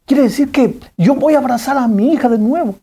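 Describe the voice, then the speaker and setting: A man's voice: very high-pitched, fairly quick, warm tone, pitched above the performer's own voice. A man voicing a grieving father in a sermon story, speaking in pleading outbursts. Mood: eager, insistent. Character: grieving father, angry then overjoyed.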